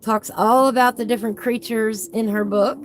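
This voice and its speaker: A woman's voice: on the high side, fairly even intonation, normal speed, faint music behind. A woman chatting casually as a host, with whistling S sounds and a folksy, gushing way of exclaiming. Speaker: host of a coloring book channel. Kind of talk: casual live chat while flipping through a book.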